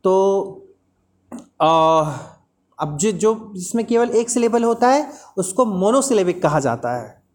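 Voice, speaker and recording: A woman's voice: mid-range voice, expressive, slow pace, a little mellow. A woman teaching an English lesson, explaining patiently and repeating example words aloud.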